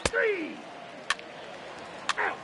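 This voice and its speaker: A man playing a brusque baseball umpire in a video game, barking out short, clipped calls. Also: drawn-out words. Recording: noisy outdoor ballpark ambience.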